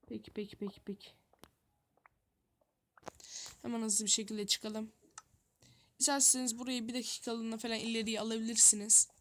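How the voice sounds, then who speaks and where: A woman's voice: on the high side, sharp tone. A woman giving running gameplay commentary, thinking aloud, talking straight to her viewers and muttering to herself in a flustered way. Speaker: gaming youtuber.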